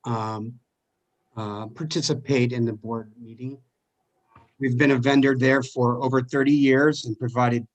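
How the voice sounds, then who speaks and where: A middle-aged man giving halting public comment at an online board meeting, his call audio cutting out and breaking up. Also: medium pitch, dull audio. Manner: hesitant, halting, with many fillers. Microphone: computer call connection.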